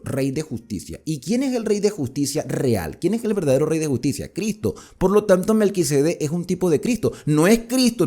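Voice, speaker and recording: A man's voice: on the high side, dark tone. A man explaining a Bible passage in Spanish as a teacher, asking rhetorical questions and answering them with emphasis.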